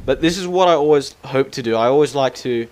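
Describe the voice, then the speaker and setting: A man's voice: mid-range voice, quick pace, darkish tone, slight background noise. A young man giving casual, rambling commentary over his own gameplay, full of fillers. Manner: rambling, filler-heavy, chatty.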